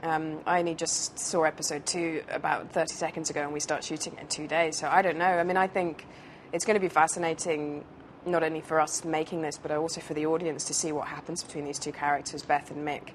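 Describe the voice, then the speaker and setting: A woman's voice: deep voice, level tone, brisk, hardly any pauses, a little hiss or hum. A British woman, an actress, chatting casually in an interview, rambling with many fillers and restarts. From United Kingdom.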